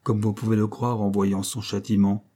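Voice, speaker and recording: A man putting on a stern, sharp-tongued mother. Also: lowish voice, little pitch movement, moderate pace, close to an everyday voice. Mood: wry. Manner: dry, scolding, lecturing.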